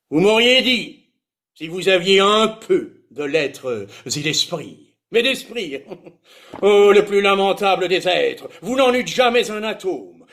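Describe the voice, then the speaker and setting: A man's voice: high-pitched, fairly bright tone, heavily acted. A man playing a proud, mocking swordsman-poet, declaiming a verse monologue like a hammy stage actor, constantly shifting tone. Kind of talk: theatrical verse monologue recitation.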